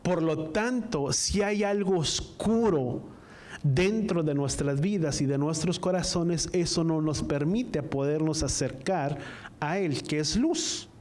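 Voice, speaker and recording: Guy preaching a sermon, kinda high voice, reads verses slow and gets the church to repeat after him. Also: expressive, a little mellow. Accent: Spanish-speaking, from the US-Mexico border. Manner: call-and-response, asks the congregation to repeat after him; reads scripture slowly, line by line. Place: church service, also streamed online.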